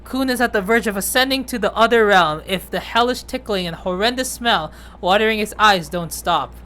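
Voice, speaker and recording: A woman narrating a visual novel aloud as the host, with a steady, matter-of-fact reading. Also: mid-range voice, normal speed. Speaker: game narrator.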